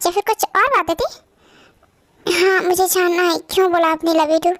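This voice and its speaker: A woman voicing a jealous, sharp-tongued young wife in an amateur fan dub, scolding and confrontational. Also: very high-pitched, steady tone, normal speed, no echo. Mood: pressing.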